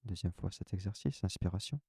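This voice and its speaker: A man leading a guided relaxation session, giving calm, soft, unhurried instructions in the first person. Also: low voice, vocal fry, slightly rough, no room sound, studio quality.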